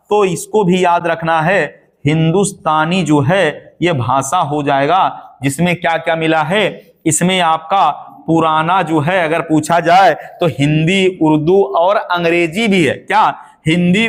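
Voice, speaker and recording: A man's voice: sits high, fairly even intonation, measured pace. A man teaching an exam-prep lesson, asking questions and repeating the answers to drill them in.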